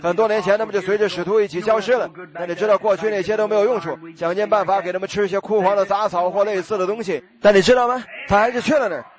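A male preacher telling a story in a sermon, animated, acting out voices and bursting into shouts. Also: sits high, racing, hardly any pauses.

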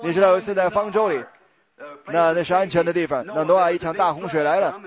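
Male preacher, high voice, sermon delivery, questions thrown to the congregation. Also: steady tone. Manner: asks the congregation questions and answers himself; sings hymn lines slowly.

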